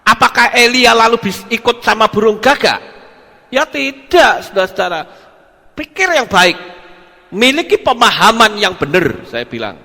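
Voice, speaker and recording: A high-pitched, very lively male preacher with a bright, forceful voice, delivering a sermon. He acts out both sides of conversations as he preaches. The sound rings with the long reverb of a large church hall. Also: moderate pace. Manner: animated preaching, acting out dialogue, repeated "saudara-saudara". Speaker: pastor.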